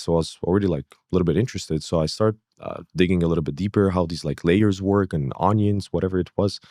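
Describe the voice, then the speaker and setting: Low-voiced man telling his story. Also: creaky, darkish tone, dry recording, studio quality. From Kazakhstan. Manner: rambling, fillers, acts out his own past thoughts. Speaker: guest. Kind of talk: casual interview.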